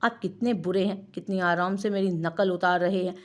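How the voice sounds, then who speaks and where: A woman's voice: fairly low pitch, fairly even intonation, normal speed, natural voice. A woman reading as a pouting young wife. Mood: sulky. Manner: coquettish, pouting. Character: young wife, playful and sulky.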